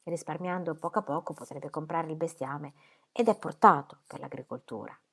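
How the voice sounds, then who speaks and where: A woman voicing a calm, caring older father who speaks gently and warns kindly, in an audiobook reading. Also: low-pitched, moderate pace, vocal fry, husky, heavily acted.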